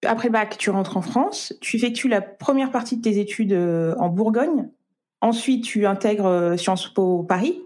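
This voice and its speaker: A woman's voice: mid-range voice, normal speed, a little mellow. Friendly woman podcast host. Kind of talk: podcast intro and interview.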